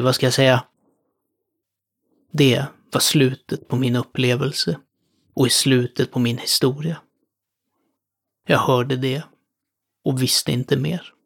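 A man solemnly narrating a horror story in the first person, with a measured delivery. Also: medium pitch, vocal fry.

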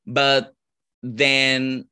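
A man from Venezuela with a Venezuelan Spanish accent, a drag performer answering interview questions casually, often pausing to search for words. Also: mid-range voice, level tone, bright, forceful tone, clean tone. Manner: searching for words, frequent "like" fillers.

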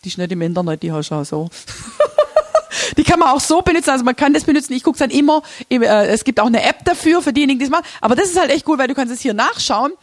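A woman leads a church workshop in a loose, chatty way, laughing as she explains her slides. Her voice sits a little high. The sound is dry and close, with no room echo. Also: lively intonation, racing, few pauses. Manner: chatty, informal, laughs often, many restarts. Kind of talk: casual teaching talk with slides.

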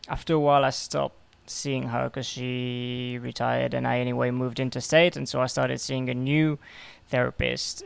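A man in his twenties from Belgium, a podcast guest telling his story in a halting way, repeating words and filling pauses. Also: medium pitch, gravelly, no room sound. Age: 20s. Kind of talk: casual interview.

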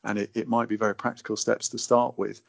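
Man, low pitch, hesitant and repetitive delivery, reflective conversation, dull lo-fi recording. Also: level tone, gravelly. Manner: hesitant, halting, repeats words. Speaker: natural navigation advocate, guest. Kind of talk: thoughtful conversation. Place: indoors in a wooden cabin. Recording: dull, muffled lo-fi audio.

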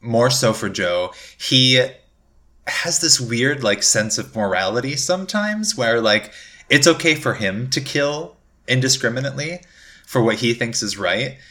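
A man's voice: mid-range voice, animated, a little slow, sharp tone. A man co-hosting a podcast, chatting casually and emphatically, peppering his talk with "like". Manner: emphatic, conversational, with frequent "like". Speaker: podcast co-host. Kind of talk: casual podcast chat about a TV series.

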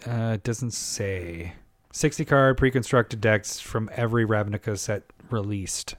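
A man's voice: on the low side, a little slow, no echo, clean studio sound. A man co-hosting a podcast, chatting casually about card games and laughing often as he jokes around. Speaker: podcast co-host.

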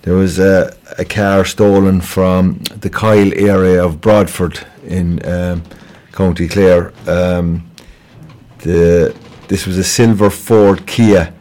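A man's voice: deep voice, level tone, takes it slowly, a little mellow. A man with a Kerry accent from Ireland giving an informal police appeal as a radio guest, conversational and hesitant, often repeating words. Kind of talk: informal crime report interview on local radio.

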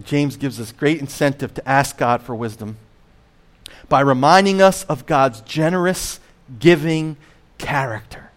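A man preaching a sermon as pastor, emphatic, slowing on key phrases, swinging between loud and hushed, and asking the listeners direct questions. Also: medium pitch. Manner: emphatic preaching with wide swings in loudness and slowed stressed phrases; asks the congregation direct questions.

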